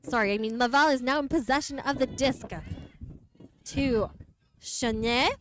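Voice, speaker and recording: Woman, high-pitched, bilingual play-by-play, outdoor field, faint wind hiss. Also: unhurried, fairly bright tone. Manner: switches between English and French. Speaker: sports commentator. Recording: light wind noise.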